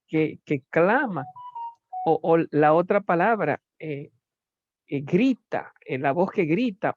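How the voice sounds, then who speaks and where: A lecturer teaching a class at an unhurried, deliberate pace, often stopping to search for the next word. The delivery leans on rhetorical questions. The recording is dull and lo-fi, with a dry, close sound. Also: medium pitch, a little mellow, no room sound.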